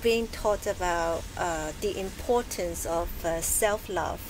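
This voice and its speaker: A woman from Hong Kong, a podcast guest, speaking in a soft, thoughtful way with many hesitations and light laughs in a casual interview chat. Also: on the low side, slow, a little hiss or hum, low-quality recording. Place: bookshop, live recording.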